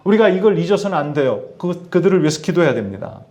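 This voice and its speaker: Preaching to his congregation in a Tianjin, China church, a middle-aged male pastor talks fast in a slightly high voice. He regularly asks the congregation questions and gives his words lively emphasis.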